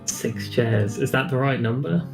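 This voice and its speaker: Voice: medium pitch, unhurried. A joking, laughing player in a tabletop game over a voice call. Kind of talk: casual game chat. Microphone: computer mic on a voice call. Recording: music playing clearly behind.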